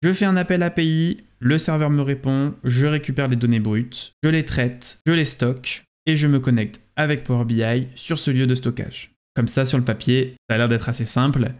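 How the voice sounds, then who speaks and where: A man's voice: mid-range voice, fairly even intonation, normal speed, few pauses, darkish tone, clean tone. A man presenting a screen tutorial, explaining step by step and speaking directly to the viewer. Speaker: data consultant presenting a tutorial.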